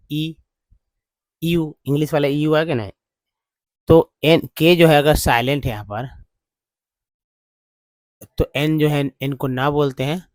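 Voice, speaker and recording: A man teaching English spelling and pronunciation, slowly sounding out each letter and repeating words many times. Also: on the high side, no echo.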